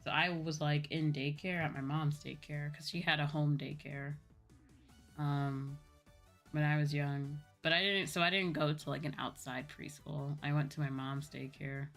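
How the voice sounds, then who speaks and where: This young American virtual YouTuber talks casually with viewers on a livestream, rambling along and correcting herself often over background music. She speaks at normal speed in a low, slightly bright voice with fairly even intonation.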